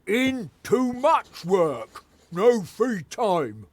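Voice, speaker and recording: A slow, broken-talking game troll. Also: male voice, high-pitched, very animated, exaggerated voice. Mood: simple. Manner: broken grammar, slow and simple. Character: dim-witted troll worker, male, broken speech. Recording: game audio with faint music.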